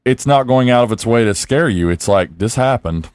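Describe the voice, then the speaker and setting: A man's voice: medium pitch, animated, normal speed, a little mellow, clean tone, dry recording. A man hosting a podcast in casual chat, jokey and teasing. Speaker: podcast host.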